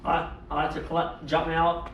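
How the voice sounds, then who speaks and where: A friendly man in his thirties with a higher voice talks haltingly and repeats his words. He is picked up from a distance in an echoey room with faint background noise. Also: monotone, highs cut off. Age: 30s. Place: indoors in a home.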